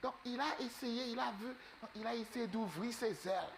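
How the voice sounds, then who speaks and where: A man preaching in a church, telling a fable to the congregation in an animated, halting way and quizzing them. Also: extremely high pitch, gravelly, background noise. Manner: animated, asks the congregation questions; halting, many fillers. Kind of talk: sermon storytelling.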